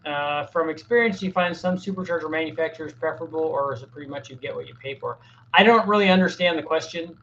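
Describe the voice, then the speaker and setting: A man's voice: fairly high pitch, quick pace, a bit bright, lo-fi sound, a little hiss or hum. A middle-aged man hosting a casual live Q&A, answering viewers' technical questions in a plain-spoken way, often restarting his sentences. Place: home workshop with a fan running.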